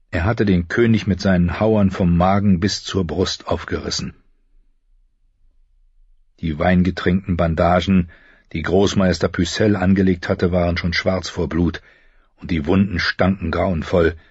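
A male audiobook narrator with a very deep, husky voice, telling the story in a measured, grave way. The recording is dry and slightly dull, with no room around the voice. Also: steady tone, no echo. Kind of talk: scripted narration.

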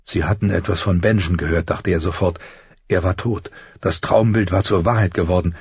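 Deep, husky male audiobook narrator. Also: no room sound. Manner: steady, measured narration. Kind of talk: audiobook reading. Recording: dry, dull lo-fi audiobook sound.

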